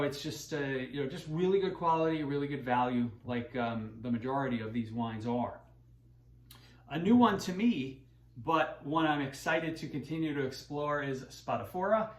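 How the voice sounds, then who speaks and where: A man hosting a wine channel, talking casually and rambling with many fillers and restarts. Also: medium pitch. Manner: self-deprecating. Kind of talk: casual unscripted talk. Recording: roomy echoey room.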